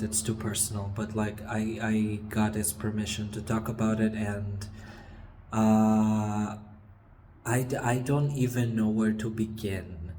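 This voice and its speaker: A man in his twenties talking casually and confessionally to camera, hesitant and halting, with trailing pauses, recorded in a stairwell. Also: lowish voice, darkish tone. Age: 20s. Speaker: vlogger. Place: stairwell of an apartment building. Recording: echoey stairwell with background noise. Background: faint ambient building noise.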